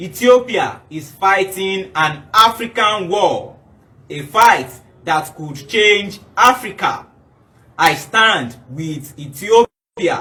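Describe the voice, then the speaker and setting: High bright man from Liberia, slow. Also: animated. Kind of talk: campaign video message.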